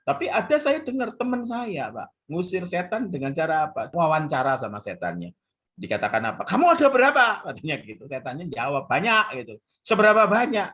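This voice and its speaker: A man teaching as a pastor in a relaxed conversational way, telling stories and acting out the voices in them. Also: mid-range voice. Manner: animated storytelling, acts out quoted voices.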